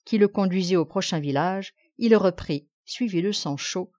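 A woman narrating an audiobook with a measured, expressive reading. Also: lowish voice. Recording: dull lo-fi recording.

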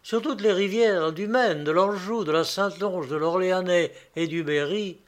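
A man's voice: high-pitched, normal speed. Man reading a literary tale. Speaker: narrator.

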